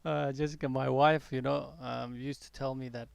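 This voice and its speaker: A man with a gravelly, creaky voice and an accent that blends American and British English. He talks through live trades in a loose, chatty way, trailing off into fillers and false starts. The sound is close and dry, with no room around it. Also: mid-range voice, little pitch movement, normal speed, no room sound. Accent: mixed accent, partly American-tinged English learned abroad, softened by years in the UK. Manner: chatty and rambling, with many fillers and restarts. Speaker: day-trading livestream host. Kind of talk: casual live trading commentary.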